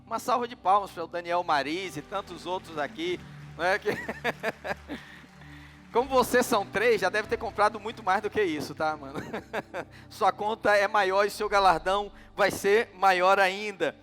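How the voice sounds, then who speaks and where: A man's voice: sits high, moderate pace, long pauses, fairly bright tone, big-room sound, a little hiss or hum. A middle-aged man with a Brazilian Portuguese accent preaching a sermon, telling stories and asking the congregation questions. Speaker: pastor.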